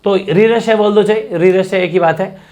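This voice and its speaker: A man with a high voice runs through grammar rules for an exam-prep class. He repeats each example and fires off rhetorical questions to keep his students with him. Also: normal speed, a little mellow. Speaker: teacher.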